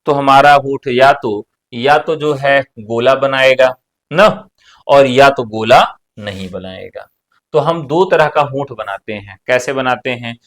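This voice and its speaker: A man teaching an exam-prep class, walking through questions one at a time. He asks a question aloud, then answers it himself in a relaxed, talkative way, sometimes with a casual joke. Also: mid-range voice, slow pace. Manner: casual joking asides. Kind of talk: online exam-prep lecture.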